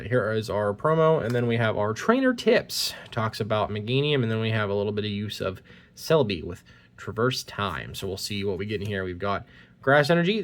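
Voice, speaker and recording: A chatty card-opening YouTuber with a lowish voice gives casual commentary, reading card text aloud. He is slightly congested from a cold, and a phone captures it from his point of view.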